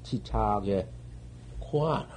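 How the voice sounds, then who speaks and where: An older man giving a Buddhist dharma lecture on koans, scolding and animated, swinging from loud outbursts to murmurs, on an old 1970s tape. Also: fairly low pitch, takes it slowly, a little hiss or hum, low-quality recording. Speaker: Zen master giving a dharma talk.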